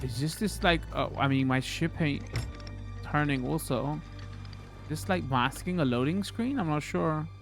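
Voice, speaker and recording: A man's voice: fairly high pitch, measured pace, soft background music. A man hosting a gaming video with casual commentary, hesitant and thinking aloud as he plays.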